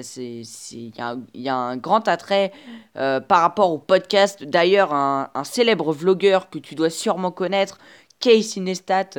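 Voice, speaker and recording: A woman hosts a casual solo podcast, speaking directly to her listener with chatty encouragement. Her talk stops and restarts, full of filler sounds. She records on a simple earphone microphone. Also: on the low side. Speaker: podcast host. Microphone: earphone headset mic.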